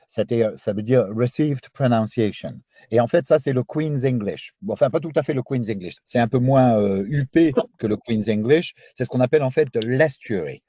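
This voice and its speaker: Mellow-voiced French voice actor. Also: male voice, medium pitch, normal speed, hardly any pauses, dry recording, clean studio sound. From France. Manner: animated, talkative, explains with examples. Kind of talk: radio interview. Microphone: studio microphone.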